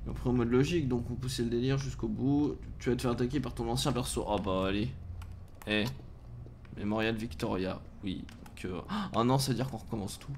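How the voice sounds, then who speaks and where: A man's voice: mid-range voice, steady tone, a little fast, slight background noise. French-speaking man streaming a horror game. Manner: swears often, reacts loudly, groans. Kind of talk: live game commentary.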